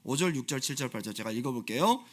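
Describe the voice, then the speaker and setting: A male pastor preaching a sermon in a church, impassioned and repeating phrases for emphasis, swinging between loud pleading and quiet explanation. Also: mid-range voice, expressive, fast talker. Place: church sanctuary.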